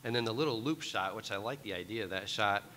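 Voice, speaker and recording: A man's voice: quick pace, sharp tone. A man speaking as a guest on a live convention panel, earnest and hesitant with many ums. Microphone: table mic on a stand. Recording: hall reverb with faint rumble.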